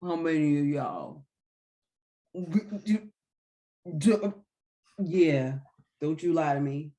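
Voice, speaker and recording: A woman's voice: deep voice, sing-song, takes it slowly, mellow. A woman co-hosting a casual rant, drunk and rambling, stalling and restarting as she talks. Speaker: podcast co-host.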